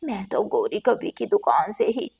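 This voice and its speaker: A woman voicing a stubborn, thrifty old grandmother sparrow in a cartoon, talking softly and grumbling. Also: mid-range voice, sing-song, measured pace, vocal fry, husky, full character voice. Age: older.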